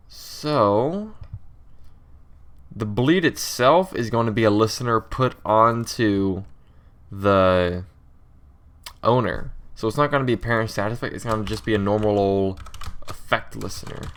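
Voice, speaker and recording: A man's voice: fairly low pitch, a bit bright. Drowsy young man thinking aloud while coding. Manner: thinks aloud, self-correcting, halting with many pauses. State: drowsy, just woke from a nap. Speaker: game developer coding tutorial host. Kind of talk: casual screen-recorded coding commentary.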